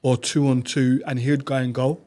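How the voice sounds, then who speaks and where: A man, a podcast guest telling stories about his past in quick, animated bursts. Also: medium pitch. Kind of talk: reflective conversational storytelling.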